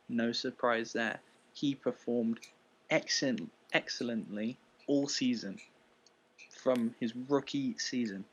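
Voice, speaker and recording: A man's voice: mid-range voice, slightly rough, rough recording. A man as a guest presenter, reading racing news in a casual chat.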